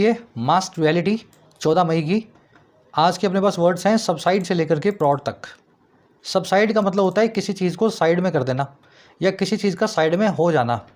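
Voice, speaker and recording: Male English tutor, higher pitch, patient explainer who checks understanding. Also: a little mellow. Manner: explanatory, asks students rhetorical checks, reads example sentences slowly. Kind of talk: vocabulary lesson explaining words.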